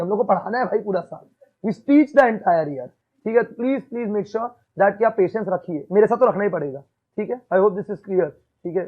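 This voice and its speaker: High-voiced man teaching a class. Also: phone-quality sound. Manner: repeats "ठीक है?" and quizzes the class. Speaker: accounts teacher. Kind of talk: classroom lecture mixing Hindi and English.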